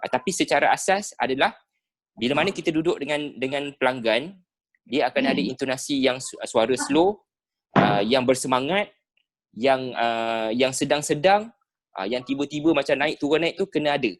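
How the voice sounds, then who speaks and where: A Malaysian man with a Malay accent teaching sales skills in an online class over a video call, animated and dropping "ha" between phrases. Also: medium pitch, normal speed. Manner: animated, peppered with "ha" and rhetorical checks. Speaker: sales trainer.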